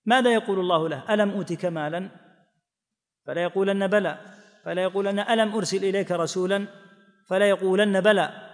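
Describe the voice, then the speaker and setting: A man with a high voice delivers a religious lesson, unhurried and explanatory. He sometimes acts out the people in the texts he quotes. His voice carries a long reverb, as if he were recorded in a big hall. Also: fairly even intonation. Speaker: teacher explaining hadith.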